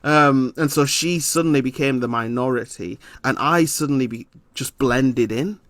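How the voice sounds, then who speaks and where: A man's voice: medium pitch, moderate pace, a bit bright, dry recording. A man from Leeds, England, talking reflectively in an interview, with frequent ums and some laughter. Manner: thoughtful, hesitant with frequent ums; laughs often while telling stories. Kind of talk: reflective conversation.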